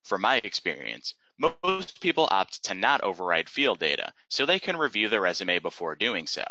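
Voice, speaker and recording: Here a low-pitched man leads an instructional software webinar, moving methodically from one step to the next at a normal pace, his pitch rising and falling widely. The audio is close-miked, dry, and slightly dull.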